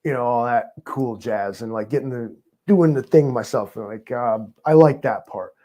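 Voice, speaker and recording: A man talks as an interview guest, loose and rambling, full of fillers and sarcastic jokes. His voice is mellow and dark, sitting at an ordinary pitch for a man. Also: normal speed. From New York. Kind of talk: casual interview chat.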